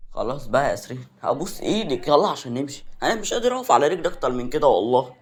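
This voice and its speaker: A man's voice: medium pitch, very animated, rapid-fire, breathy edge. A man voicing an easygoing young man in an Egyptian accent, in a read-aloud story.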